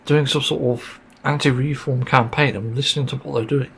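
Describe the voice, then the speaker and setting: A man's voice: mid-range voice, fairly even intonation, moderate pace, creaky, fairly bright tone, slight background noise. A man hosting a solo podcast, venting in frustration with sighs, swearing and fillers, his throat getting sore. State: sore throat, mint in mouth. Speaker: podcast host.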